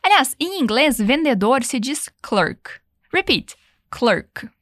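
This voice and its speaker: A young Brazilian woman with a slightly high voice teaches an English lesson. She repeats each phrase slowly and patiently so the learner can follow. The sound is dry and close, with no room echo. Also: big pitch swings, a bit bright. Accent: Brazilian Portuguese. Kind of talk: language lesson.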